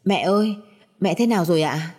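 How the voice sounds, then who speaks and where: A woman's voice: on the low side, brisk, a little mellow, big-room sound, close to an everyday voice. A woman voicing a frightened, timid young mother in a spoken audio story, with fearful, pleading delivery.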